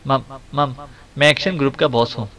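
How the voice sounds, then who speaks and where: A man's voice: mid-range voice, moderate pace, sharp tone, recorded from a distance. A man voicing a terrified male crime boss under torture, who stammers and pleads, read for an audiobook. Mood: anguished.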